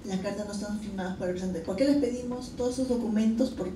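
Holding a handheld mic in a conference hall, a forties-aged woman from a research funding agency presents quickly in a warm, medium-pitched voice with a Peruvian Spanish accent. She explains her points with many fillers and restarts. The echoey recording is taken from a distance and carries a little hiss or hum.

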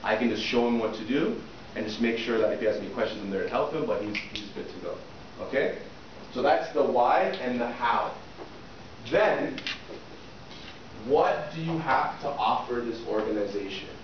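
A middle-aged soft skills trainer with a medium-pitched voice runs an interview-prep workshop in a small indoor classroom with a projector screen, speaking at a moderate pace. He keeps asking the class questions and checking in with "okay?" A far camera at the back of the room captures distant, echoey, muffled and noisy audio.

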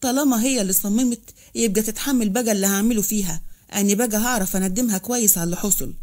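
A woman's voice: medium pitch, racing, a little mellow, close to an everyday voice. A woman voicing a proud, angry male boss in an Egyptian accent, indignant and resentful.

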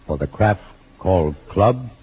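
A man announcing in a measured, polished 1940s radio style, heard through an old broadcast recording. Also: sits low, lively intonation. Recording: muffled old radio broadcast with faint hiss.

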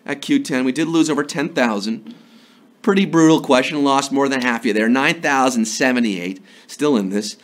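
Broadcasting live from a green-screen studio, this thirtysomething quiz host keeps things upbeat in a medium-pitched voice slightly hoarse from a sore throat. He jokes around playfully and breaks into quick impressions and snatches of song.

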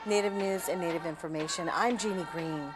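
A middle-aged woman hosting a television news show, speaking in a lively broadcast style with a lapel mic in a studio. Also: on the low side, fairly quick, a loud crowd, heavy background noise. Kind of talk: broadcast presenting.

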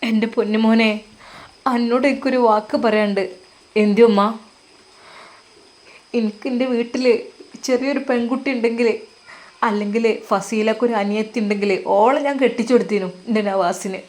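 A woman's voice: on the high side, steady tone, normal speed, pauses often, a little mellow, lightly acted. A woman voicing a tearful older mother who speaks tenderly and pleadingly in a Malappuram Malayalam accent.

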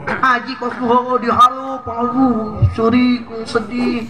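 A man's voice: very high-pitched, little pitch movement, slow, low-quality recording. A man with a Sundanese accent giving a humorous sermon at an outdoor village gathering, joking and asking the crowd questions. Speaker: preacher.

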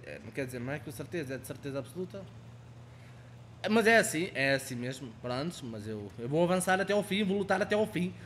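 A young man with a European Portuguese accent giving excitable, profane commentary over his own gameplay, taunting other players. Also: fairly high pitch, slight background noise. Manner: excitable, swearing, taunting players, swings between shouting and muttering. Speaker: gaming channel host.

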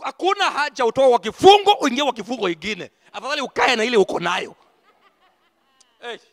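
A middle-aged man preaching a passionate sermon as senior pastor, mixing in Swahili phrases and rising to shouts. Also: very high-pitched, lively intonation, fast, dry recording, studio quality, big-room sound. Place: church hall.

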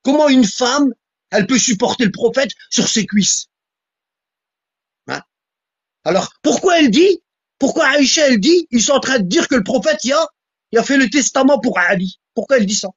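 A husky, insistent voice delivers a heated religious polemic and keeps hammering points home with repeated questions. The sound is dry and close, with a dull lo-fi quality. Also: high voice, expressive, moderate pace, long pauses, dry recording. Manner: insistent, repeats "hein?" and "tu vois?"; emphatic, repeats lines for stress.

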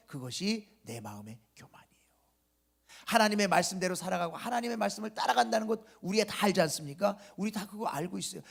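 Preaching at an early morning church gathering, a male pastor uses a high, creaky voice. His sermon is full of rhetorical questions for the congregation, and he shifts from loud emphasis to a hushed whisper at the ends of phrases.

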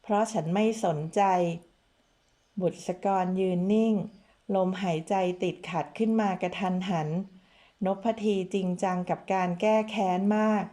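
Woman narrator, audiobook romance narration, mellow warm tone, steady storytelling, middle pitch. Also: a little slow.

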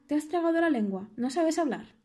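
A woman's voice: fairly high pitch, normal speed, mellow, lightly acted. A woman voicing a pair of mocking, gossipy sea waves in an audiobook, squealing and melodramatic. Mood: dramatic. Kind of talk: audiobook character voice.

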